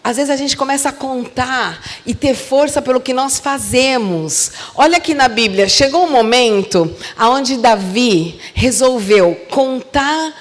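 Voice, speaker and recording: A woman pastor with a Brazilian Portuguese accent preaching a sermon in church. She talks emphatically, moves between loud exhortation and soft asides, and calls on the congregation to repeat after her. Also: sits high, expressive, unhurried, few pauses. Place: church sanctuary. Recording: long church-hall reverb.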